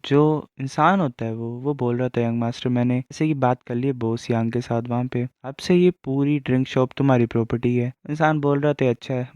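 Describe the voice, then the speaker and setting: Male recap narrator, rapid delivery, mellow tone, dull dry recording. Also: medium pitch, smooth, dry recording. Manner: retells every character's lines in his own plain voice.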